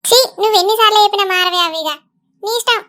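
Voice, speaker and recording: A woman with a Telangana Telugu accent acting in a village comedy skit, talking in a quick, chiding way. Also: extremely high pitch, sharp tone.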